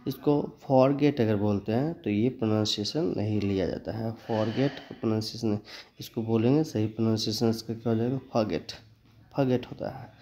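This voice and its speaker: A man's voice: lowish voice, dark tone. Man teaching pronunciation. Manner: spells words letter by letter, slow and deliberate; mixes Hindi with English. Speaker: English teacher. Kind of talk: spoken English pronunciation lesson.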